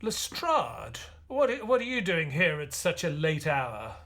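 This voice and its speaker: An actor playing Dr. Watson, an earnest Victorian gentleman doctor, in a measured, dramatic audio play style over background ambience. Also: fairly high pitch, big pitch swings, heavily acted. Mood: curious.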